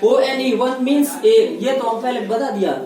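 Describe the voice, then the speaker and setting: High-voiced male teacher in an echoey classroom. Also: fairly even intonation, moderate pace, distant mic, crowd noise. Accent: Rajasthani. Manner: drills pupils with repeated questions, patient. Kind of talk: classroom English lesson. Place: school classroom with pupils. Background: pupils answering in chorus.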